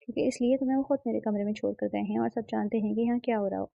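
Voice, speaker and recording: A smug young man who mocks and teases his bride, lines read in a gravelly, slightly high storybook voice by a woman narrator. The recording is dry and a little muffled. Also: fairly even intonation, fairly quick, no echo. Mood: teasing. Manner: smug, mocking, teasing. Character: teasing arrogant young man, the groom.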